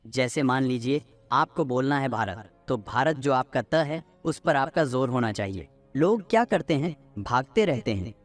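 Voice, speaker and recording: A man's voice: mid-range voice, darkish tone. A young man hosting a self-help lesson, earnestly coaching listeners through numbered speaking tips. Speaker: voice coach host.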